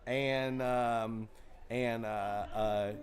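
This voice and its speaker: At an extremely slow pace and in a steady, medium-pitched voice, a comedy club owner who also co-hosts tells long stories in a green room. His casual chat rambles, with many fillers and frequent restarts.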